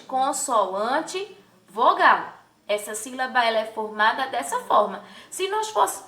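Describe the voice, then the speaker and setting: Bright, sing-song woman teacher. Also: high-pitched. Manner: slow, drawn-out syllables for children; sing-song questions to pupils. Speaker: primary school teacher. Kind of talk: remote children's lesson. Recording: echoey room, distant from mic.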